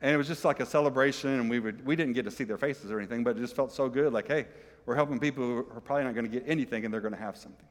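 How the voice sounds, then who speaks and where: A man with a mid-range voice preaches to his congregation in a church sanctuary, talking very fast with a big-room sound. He is conversational and jokey, often putting questions to the listeners.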